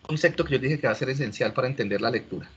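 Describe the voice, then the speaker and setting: A man's voice: medium pitch, rapid-fire, background noise. Man lecturing over a dull call line. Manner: explanatory, asks students questions, frequent restarts. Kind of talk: online class lecture. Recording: dull lo-fi audio.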